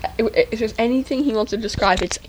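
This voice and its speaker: A woman's voice: a little high, quick pace, slight background noise. A teenage girl from Georgia hosting a casual podcast chat, giggly and teasing, with hesitant fillers. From Georgia, USA. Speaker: podcast host.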